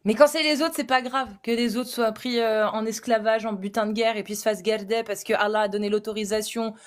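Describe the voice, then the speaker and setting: A woman's voice: on the high side, fairly even intonation, brisk. A woman in a heated live debate, exasperated and scolding, hammering the same questions again and again.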